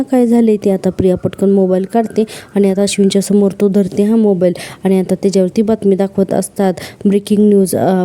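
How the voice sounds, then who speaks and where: Marathi lady going over last night's episode, voice low on brightness, pretty monotone. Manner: retells scenes, voicing characters' lines in quotes with little change. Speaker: serial episode recap narrator. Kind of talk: casual retelling of a TV serial episode.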